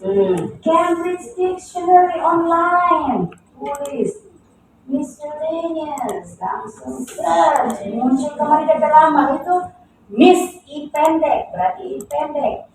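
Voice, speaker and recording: A woman teaching English to a class, lively, stretching and repeating words to show stress. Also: high voice, slow pace, slight background noise. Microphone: distant room recording. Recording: echoey classroom recorded from far off.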